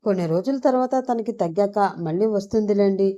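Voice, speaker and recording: A woman's voice: medium pitch, fairly quick, dark tone, muffled recording, natural voice. Woman voicing a jealous, insistent fiancé. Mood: irritated. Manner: irritated, insistent. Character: young man, possessive jealous fiancé.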